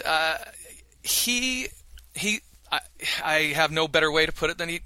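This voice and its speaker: A man's voice: fairly high pitch, pushed and bright, no echo. A middle-aged man from Utah, telling his own story in an interview, hesitant with many fillers and restarts. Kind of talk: reflective personal interview.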